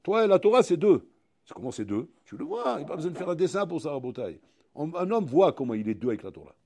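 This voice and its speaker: A man, a rabbi, giving a recorded Torah lesson in an animated, direct way, speaking straight to his listeners and acting out little dialogues. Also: on the high side, fast, vocal fry, breathy edge. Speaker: rabbi teaching a Torah class.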